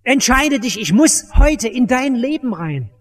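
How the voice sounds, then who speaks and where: A man's voice: very high voice, very animated, a little slow. A man preaching an evangelistic sermon in a church, urgent and emphatic, speaking straight to each listener. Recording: reverberant church hall.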